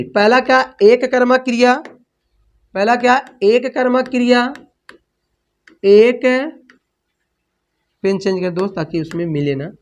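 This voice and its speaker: A man teaching a grammar lesson, repeating key terms as questions and correcting himself as he writes on a board. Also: very high voice. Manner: repeats key terms as questions, slow and drawn out when dictating; self-corrects mid-sentence. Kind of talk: online classroom lesson.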